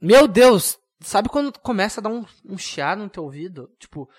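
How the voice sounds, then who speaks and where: A young man hosting a comedic solo podcast, rambling and mocking himself in a deadpan way. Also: sits high, moderate pace, slightly rough. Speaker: podcast host.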